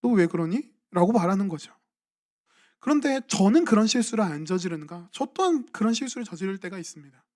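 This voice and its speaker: A man's voice: high-pitched, animated, fast, a little mellow. A young man, a junior pastor, preaching a sermon in a church and asking his congregation questions in a conversational way. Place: church sanctuary at a midweek evening service.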